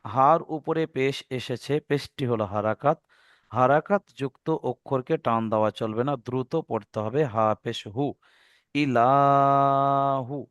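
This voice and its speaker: A man teaching an online reading lesson, patiently spelling out letters and vowel marks step by step and drawing out the recited words slowly. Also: medium pitch, dry recording, clean studio sound.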